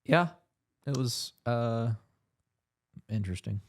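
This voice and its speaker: A young man co-hosting a casual sports podcast, animated and teasing, quick to cheer or boo. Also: medium pitch. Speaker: podcast co-host.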